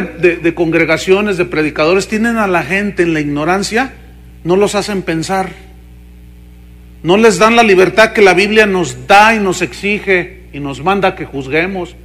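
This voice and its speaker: A man with a Mexican Spanish accent, a pastor preaching a sermon in an animated, mocking way, firing questions at the congregation. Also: high voice.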